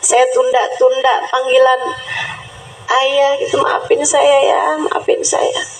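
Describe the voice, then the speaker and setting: A woman's voice: high voice, level tone, slow. A woman acting a tearful, grateful young woman. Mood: pleading. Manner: pleading, emotional. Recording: echoey with faint music.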